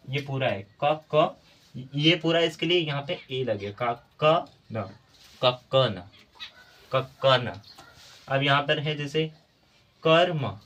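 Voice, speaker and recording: A man's voice: medium pitch, a bit bright, a little hiss or hum. A man teaching a spelling lesson, spelling out letters one by one and explaining patiently. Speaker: English teacher.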